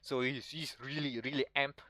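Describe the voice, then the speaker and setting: A young man speaks with a Malaysian English accent, in the middle of his range. He rambles at length in a loose, animated way, with frequent restarts. The recording is close and dry, with no room sound. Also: medium pitch, moderate pace, no echo. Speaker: podcast co-host. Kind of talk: casual chat.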